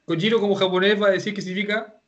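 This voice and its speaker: A Chilean-accented man teaches an online class, explaining at length and often restarting his sentences. His voice sits a little high. The audio is dull and lo-fi. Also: steady tone, very fast. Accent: Chilean Spanish. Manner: explanatory, rambling, with many restarts and fillers.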